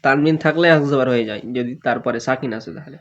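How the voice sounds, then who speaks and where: A man teaching Quran recitation rules step by step, slowly drawing out sample words and often clearing his throat. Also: mid-range voice. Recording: dull lo-fi recording.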